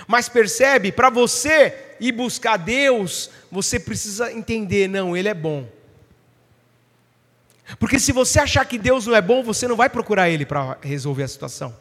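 A man's voice: high voice, animated, moderate pace, a bit bright, long reverb tail. A man preaching a sermon, emphatic and asking his listeners questions. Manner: emphatic, asks the congregation questions.

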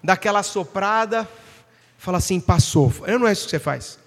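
A man's voice: high voice, fast, gravelly, fairly bright tone, long reverb tail. A man preaching a sermon, emphatic and asking his listeners questions. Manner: emphatic, asks the congregation questions.

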